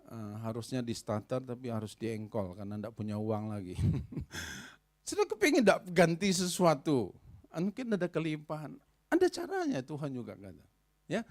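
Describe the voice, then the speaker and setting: A man preaching a sermon as pastor, telling stories and speaking directly to the congregation, rising high and loud at emotional peaks. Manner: storytelling, addresses congregation directly.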